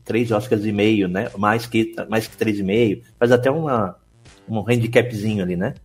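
A man's voice: fairly low pitch, moderate pace, soft background music. A man with a Brazilian Portuguese accent giving casual podcast commentary, often repeating words as he goes. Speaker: podcast guest and film betting writer.

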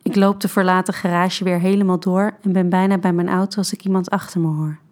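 A woman reading a scripted first-person erotic story in a calm, even manner. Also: lowish voice, brisk. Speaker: narrator.

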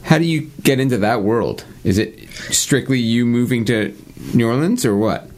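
A man's voice: medium pitch, expressive, moderate pace. A man hosting a casual interview, asking questions with stammering restarts and casual swearing. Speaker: podcast host.

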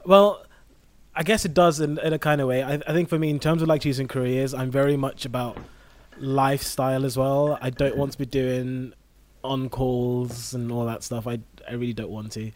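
A man's voice: mid-range voice, fairly even intonation, normal speed, a little mellow, slight background noise. A young man with a modern Received Pronunciation southern English accent, speaking in a well-spoken way in a casual podcast discussion. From southern England. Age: young adult. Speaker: medical student on a podcast.

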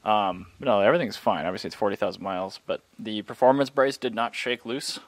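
A man co-hosting a podcast in casual chat, rambling and relaxed with plenty of fillers. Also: on the low side, fast talker, no room sound. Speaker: podcast co-host.

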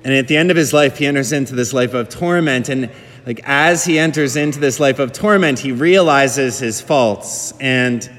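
A priest giving a homily at Mass, reflective and conversational, with hedging fillers. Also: male voice, mid-range voice, fairly bright tone. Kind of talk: Gospel reading and homily at Mass. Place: church. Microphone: microphone that cut out. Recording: long church reverb.

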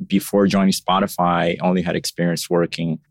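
Low-voiced Brazilian man, relaxed interview guest. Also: brisk, no echo, clean studio sound. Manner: thoughtful, frequent "you know" and "like" fillers. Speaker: podcast guest, marketing lead. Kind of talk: casual interview answers.

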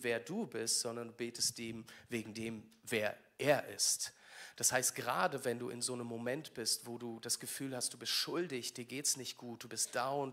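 A man's voice: mid-range voice, fairly bright tone. A man preaching a livestreamed church sermon, earnest and encouraging, speaking directly to his listeners.

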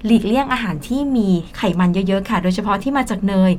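A woman's voice: medium pitch, fast, a little mellow, slight background noise. Thai-accented woman explaining English in Thai. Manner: explains in Thai, mixes in English words, laughs often. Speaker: co-host of an English lesson show. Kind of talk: bilingual radio English lesson chat.

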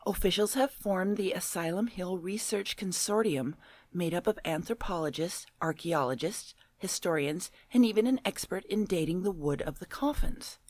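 A woman's voice: lowish voice, moderate pace, darkish tone, no room sound. A woman co-hosting a paranormal show, reading a news story aloud and chatting casually in between.

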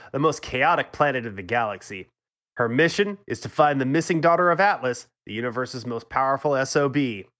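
A man's voice: medium pitch, a bit bright. A man co-hosting a gaming podcast, reading a movie synopsis aloud in casual chat with wry, dismayed groans. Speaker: podcast co-host.

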